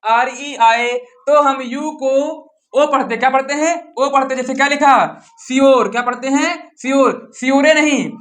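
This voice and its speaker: A man's voice: extremely high pitch, fairly even intonation, a little slow, fairly bright tone. A male teacher with a Hindi accent giving an English pronunciation lesson, repeatedly asking his students questions and answering them himself.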